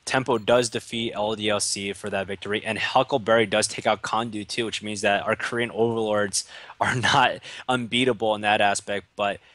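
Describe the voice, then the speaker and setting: A man's voice: lowish voice, steady tone, normal speed, fairly bright tone, dry recording. A tired young man casting an esports match in a rambling, joking, self-mocking way, with faint music behind. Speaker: esports caster. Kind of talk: casual esports commentary.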